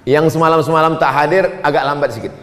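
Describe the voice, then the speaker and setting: A man preaching, his voice sitting fairly high. He moves between chanted Arabic prayer lines and jokes for the audience. He is recorded through a microphone in a big, reverberant hall. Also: steady tone, fast, background noise. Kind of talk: humorous sermon. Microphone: handheld or stand microphone.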